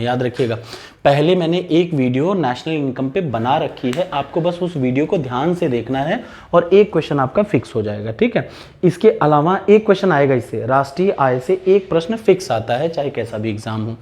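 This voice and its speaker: A man's voice: on the high side, a little mellow. A man teaching an exam-prep lesson, giving direct instructions and repeating key points for emphasis.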